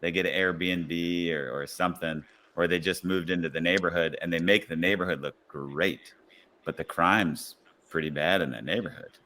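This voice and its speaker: A very low-pitched man with a bright, forceful edge to his voice. He is a police officer guest in a relaxed podcast conversation. He speaks reflectively and often says "you know" as he works through his thoughts. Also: moderate pace.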